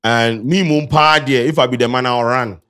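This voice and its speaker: A Ghanaian man hosting a casual reaction chat, teasing and expressive. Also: mid-range voice, normal speed, clear, resonant tone. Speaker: show host.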